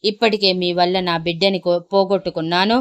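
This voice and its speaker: A woman's voice: lowish voice, steady tone, brisk, clear, resonant tone, close to an everyday voice. A woman voicing a wronged young wife who speaks in an indignant, insistent way.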